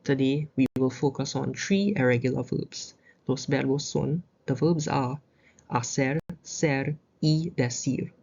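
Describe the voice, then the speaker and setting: A Caribbean-accented teacher giving a language grammar lesson, reciting verb conjugations slowly and adding short explanations. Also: mid-range voice, gravelly, darkish tone, highs cut off. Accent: Caribbean English. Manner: slow, deliberate reciting of conjugations with asides. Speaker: Spanish teacher.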